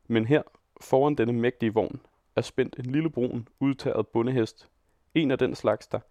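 A man presenting a scripted literary radio feature and reading a novel aloud in a measured, dryly ironic manner on a close studio mic. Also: mid-range voice, steady tone, warm tone, no echo.

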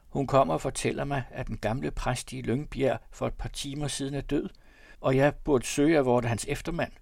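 A man's voice: medium pitch, fairly even intonation, gravelly, a little mellow, dry recording, studio quality, voice pushed up. A man reading a brooding, haunted young man. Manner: solemn, confiding. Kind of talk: audiobook reading of classic fiction.

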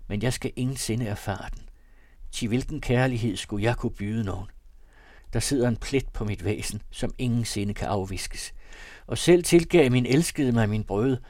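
A man's voice: medium pitch, a little mellow, no echo, studio quality, close to an everyday voice. A man reading a young unwed mother's lines from a classic novel audiobook, earnest and impassioned, with formal old-fashioned diction.

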